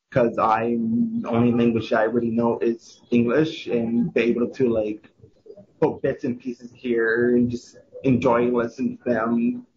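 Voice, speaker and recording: A young man from Quebec answers questions about his café job, halting and restarting often. His voice is very husky. The outdoor recording is slightly muffled. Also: medium pitch. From Quebec, Canada. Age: young adult. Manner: hesitant, with many restarts. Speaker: café worker, interviewee. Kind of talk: casual interview answers.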